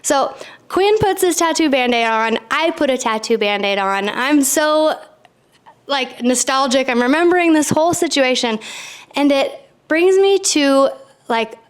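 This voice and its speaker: A woman in her thirties hosting a podcast, telling a personal story in an animated, chatty way full of "like" fillers. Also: sits high, smooth. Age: 30s. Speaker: podcast host.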